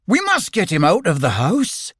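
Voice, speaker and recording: A man voicing a bossy male rabbit full of plans, brisk and decisive. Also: high-pitched, huge pitch swings, fairly bright tone, husky, dry recording, studio quality, pitched above the performer's own voice, exaggerated voice.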